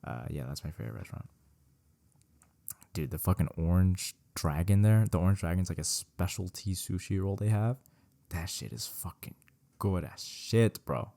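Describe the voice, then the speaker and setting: A young adult man from California whose first language is Vietnamese hosts his own solo podcast, chatting casually in a Q&A format. He rambles, corrects himself, swears a lot, and says "bro" over and over in slangy speech. His low, gravelly voice is warm and expressive, at normal speed.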